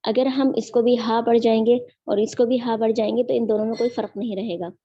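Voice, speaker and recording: A woman teaching Quran recitation in an online lesson, drilling each sound slowly and patiently. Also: fairly high pitch, steady tone, husky, dry recording, dull audio.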